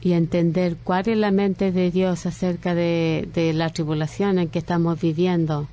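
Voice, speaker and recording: A woman preaching a sermon in slow, earnest phrases with frequent pauses and restarts. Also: fairly low pitch, flat delivery, warm tone.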